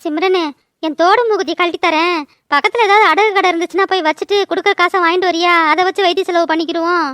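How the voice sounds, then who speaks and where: A woman voicing a family cartoon, scolding in loud style dialogue. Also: very high voice, fairly even intonation, fast talker. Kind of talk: cartoon voice acting, many characters.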